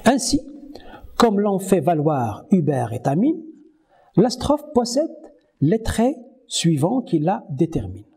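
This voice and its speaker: Slow, husky-voiced French lecturer. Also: male voice, high-pitched, wildly swooping pitch, mellow. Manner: slow, measured, reads poems aloud and counts syllables. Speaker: university lecturer. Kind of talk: university lecture on French verse. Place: Morocco.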